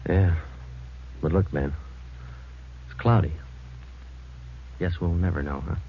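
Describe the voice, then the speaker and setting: An actor playing a terse, low-key police sergeant in a 1940s radio drama, speaking in a clipped, flat way. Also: male voice, takes it slowly, slight background noise. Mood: weary. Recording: dull old radio broadcast.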